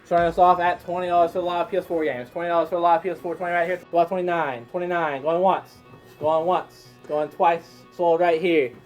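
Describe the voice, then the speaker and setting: Man, auctioneer chant, slightly high pitch, repeated prices, live bidding, faint music in background. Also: flat delivery, fast, lo-fi sound. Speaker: auctioneer and host. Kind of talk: live auction calling of game lots.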